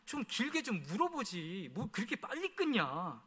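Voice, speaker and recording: A man's voice: sits high, huge pitch swings, moderate pace, pushed and bright, breathy edge, pitched above the performer's own voice, full character voice. A man preaching in a church, quoting his wife's reproachful questions to him. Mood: scolding. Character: nagging wife scolding her husband. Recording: echoey church hall.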